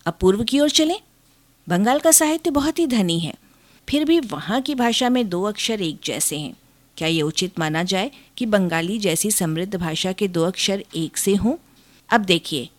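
Dry, measured woman reading an essay. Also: medium pitch, no room sound.

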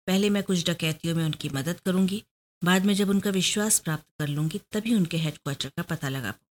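A woman's voice: fairly low pitch, natural voice. A woman voicing a proud, determined young woman detective who pleads her case earnestly.

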